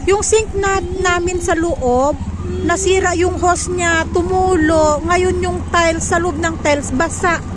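A woman's voice: very high-pitched, steady tone, slow, noisy background. A woman chatting casually in a family vlog, narrating her errands and talking to her child while out at a market. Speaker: vlogger. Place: outdoor market.

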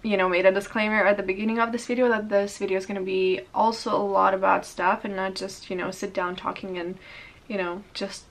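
A young woman talks straight to camera in a relaxed sit-down vlog, rambling easily and sprinkling in little laughs and fillers. She sits indoors in a dim room at home, picked up by the camera mic from a short distance. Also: mid-range voice, fairly quick. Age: young adult. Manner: chatty, filler-heavy, with frequent little laughs. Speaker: vlogger. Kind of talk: casual sit-down chat to camera.

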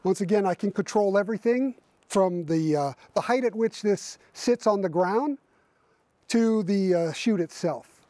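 His voice high-pitched and dark in tone, a man in his fifties takes his time reviewing his tractor to camera by a barn in winter. He explains casually, stumbling over fillers and restarts, and the recording is dry.

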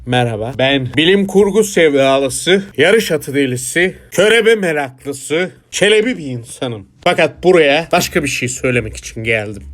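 A man playing a pompous self-proclaimed gentleman in a comedy sketch, talking grandly. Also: fairly high pitch, lightly acted. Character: pompous male sci-fi and horse-racing enthusiast.

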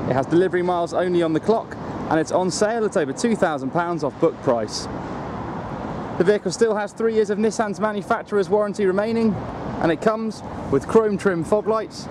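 A car salesman with a Welsh accent presents a vehicle in a scripted walkaround on an outdoor dealership forecourt. His voice is high-pitched, and background noise can be heard.

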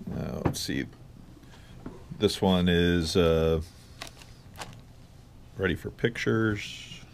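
Slow, deep-voiced man, rambling. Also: creaky, a little hiss or hum. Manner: rambling, hesitant, many fillers. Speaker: online reseller. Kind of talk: casual tour narration. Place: small home workroom. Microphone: head-mounted action camera.

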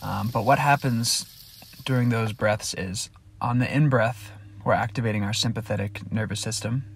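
A man giving guided breathing instruction in a calm, measured, step-by-step manner. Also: fairly low pitch, vocal fry, breathy edge. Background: music with singing bowls.

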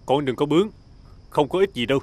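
A man's voice: a little high, animated, fast, a little mellow. A stern man urging a boy. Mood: insistent. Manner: firm, urging. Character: stern middle-aged man sent to bring a boy home. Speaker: family's driver or helper. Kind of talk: TV drama acting.

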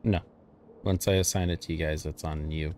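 A man hosting a casual multiplayer gaming session, relaxed and explaining the controls to his friends. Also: low voice, brisk, a little hiss or hum. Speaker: gaming channel host.

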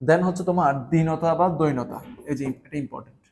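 A man from Bangladesh runs an exam-prep lesson at a quick clip. He speaks straight to his students and hammers home key points through repetition. His voice sits a little higher than most men's. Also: darkish tone, a little hiss or hum. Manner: repetitive, emphatic, addresses students directly. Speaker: exam tutor.

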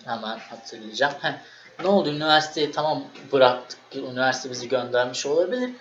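A young man vlogging, telling a story in a casual, animated way and acting out what he said. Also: mid-range voice, brisk. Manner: animated, acts out his own quoted lines. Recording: echoey room, dull lo-fi sound, faint noise.

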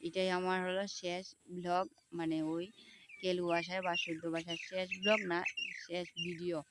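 At a pondside spot outdoors, a woman in her thirties from Tripura, India, vlogs casually in a Sylheti accent, restating points as she explains them to viewers. Her voice is fairly low with little rise and fall, her pace moderate, and there's slight background noise.

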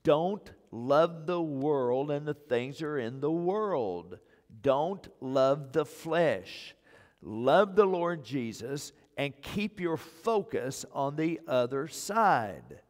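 Slow-preaching older pastor in a reverberant church. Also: male voice, on the high side, animated, darkish tone. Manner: emphatic preaching, repeats key phrases. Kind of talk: sermon. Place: church sanctuary stage, indoors. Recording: long reverb of a church hall.

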